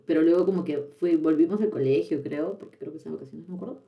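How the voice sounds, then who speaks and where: A woman's voice: sits low, fast talker, creaky, distant mic, lo-fi sound. A young woman, hosting a casual podcast chat and speaking in a chatty, confessional way with frequent laughs. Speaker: podcast host.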